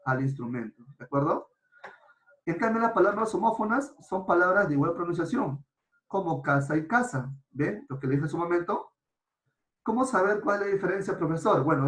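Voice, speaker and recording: A man teaching a grammar lesson in a clear, explanatory way, often checking in with his students. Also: fairly high pitch. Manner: explanatory, checks in with frequent rhetorical questions. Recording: roomy echo.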